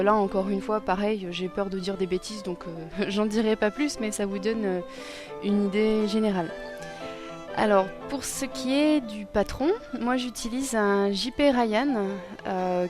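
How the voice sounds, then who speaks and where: A young woman casually explaining a costume sewing project, hesitant and self-deprecating with many pauses and fillers. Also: mid-range voice. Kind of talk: casual tutorial narration. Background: music.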